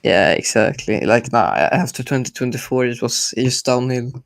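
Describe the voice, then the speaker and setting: A man talking through a pitch-shifted voice changer in a casual livestream call, hesitant and agreeable. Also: normal speed, vocal fry. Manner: hesitant, agreeable, restarts a lot.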